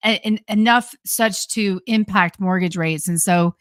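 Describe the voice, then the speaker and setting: A woman commenting on a live stream in a measured, halting way with frequent restarts. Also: mid-range voice, fairly bright tone, no echo, clean studio sound. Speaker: co-host, commentator.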